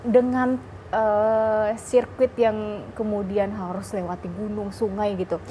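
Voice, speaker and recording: A woman's voice: medium pitch, little pitch movement, slow pace, mellow, slight background noise. A woman hosting a television talk show, interviewing guests in a chatty way, laughing often and asking long questions full of fillers. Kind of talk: studio interview.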